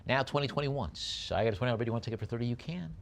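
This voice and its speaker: A man auctioneering at a live sale switches between rapid, repetitive bid chanting and unhurried descriptions of the lots. His voice is medium-pitched with lively intonation.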